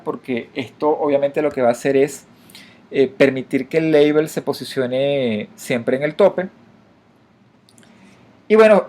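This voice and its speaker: A man's voice: fairly high pitch, darkish tone. Man explaining code in a tutorial. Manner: explanatory, frequent fillers and restarts, addresses viewers directly. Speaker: programming instructor. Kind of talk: screen-recorded coding tutorial.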